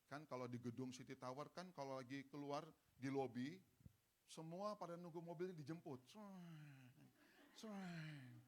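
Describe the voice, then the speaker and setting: A man's voice: mid-range voice, brisk. A middle-aged man, preaching a sermon and acting out the voices in his story. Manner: animated, acts out dialogue in different voices. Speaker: pastor. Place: church hall.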